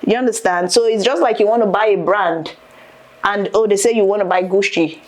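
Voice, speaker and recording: African-accented woman, lively podcast guest. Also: mid-range voice, a little fast. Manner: animated, laughing often, repeats words when starting a thought. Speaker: guest, interior decorator and entrepreneur. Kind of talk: casual podcast interview.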